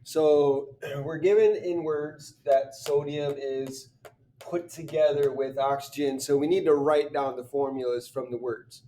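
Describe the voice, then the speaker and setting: A man working through chemistry practice problems, thinking aloud, often clearing his throat and restarting sentences. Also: a little high, fairly even intonation, a little slow, mellow, distant mic, slight background noise. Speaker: chemistry teacher.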